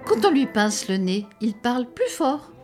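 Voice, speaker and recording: A woman's voice: fairly high pitch, sing-song, unhurried, darkish tone, faint music behind, voice pushed up. A woman playing a fussy chimpanzee schoolteacher. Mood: didactic. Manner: carefully articulating, lecturing.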